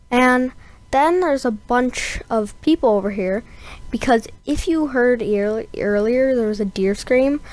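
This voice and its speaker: A woman's voice: fairly high pitch, darkish tone. A young woman giving a casual, rambling voice-over of her gameplay, full of fillers and asides. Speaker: gameplay narrator.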